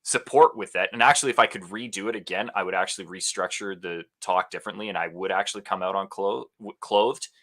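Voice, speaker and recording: A low-voiced man from Alberta, Canada, talks fast with few pauses. He's an actor and speaker appearing as a podcast guest, animatedly telling his story in a casual interview with bursts of laughter and acted-out quotes.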